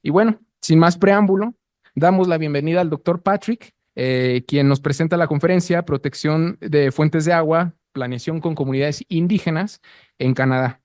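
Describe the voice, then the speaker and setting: A man's voice: on the high side, normal speed, darkish tone, no echo, clean studio sound. A man with a Mexican accent giving a formal introduction as event host, sometimes stumbling and correcting himself.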